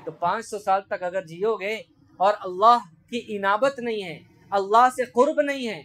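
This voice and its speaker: A male preacher delivering a sermon to an assembled audience. He keeps turning to his listeners with rhetorical questions. He recites Arabic sayings at a slower pace, then explains them in plain speech. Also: high-pitched, fairly bright tone. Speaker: Islamic preacher. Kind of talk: sermon to a gathering.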